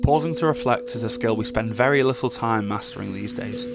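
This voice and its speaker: Young guy narrating slow and reflective, lowish voice. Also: gravelly. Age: young adult. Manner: calm, measured, thoughtful. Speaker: documentary narrator. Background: music.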